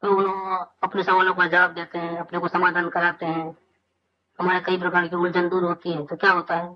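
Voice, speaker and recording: A man's voice: high-pitched, monotone, fairly quick. Male spiritual teacher, conversational discourse, rhetorical questions, muffled lo-fi sound. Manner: conversational, asks rhetorical questions and answers them. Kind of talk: informal scripture discourse.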